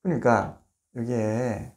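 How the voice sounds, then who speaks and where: A man's voice: mid-range voice, fairly even intonation, a little mellow. Man lecturing with rhetorical questions. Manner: explains step by step with rhetorical questions; slows to spell out words and examples. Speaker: English grammar lecturer. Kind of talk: recorded classroom lecture.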